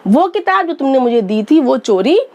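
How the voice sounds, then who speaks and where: A woman's voice: high-pitched, sing-song, moderate pace, darkish tone. A woman teaching English grammar in a patient lesson, asking and answering her own questions and repeating points. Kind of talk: explanatory lesson.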